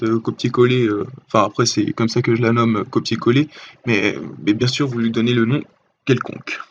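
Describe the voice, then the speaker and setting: A man talks viewers through an online tutorial in a loose, halting way, stopping often for fillers and restarting his sentences. His voice is at a middle pitch. The recording is dull and lo-fi, with a faint hiss underneath. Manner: hesitant, many fillers and restarts. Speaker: tutorial host. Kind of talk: casual screen-recorded tutorial.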